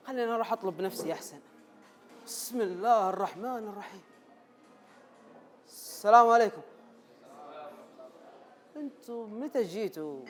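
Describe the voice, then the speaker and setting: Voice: medium pitch, a little mellow, close to an everyday voice. An actor playing an anxious man, a former teacher who cannot bear upsetting anyone, in a pleading theater monologue. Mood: awkward, nervous. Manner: pleading, repeats himself, nervous laughter. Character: anxious people-pleasing male ex-teacher. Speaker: stage actor.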